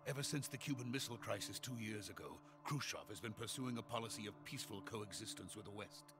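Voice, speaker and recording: Actor as a grave, low-voiced Soviet scientist over music. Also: male voice, close to an everyday voice. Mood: grave, urgent. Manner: deliberate, expository, formal. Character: anxious middle-aged male Soviet rocket scientist, earnest and grave. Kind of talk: video game cutscene acting.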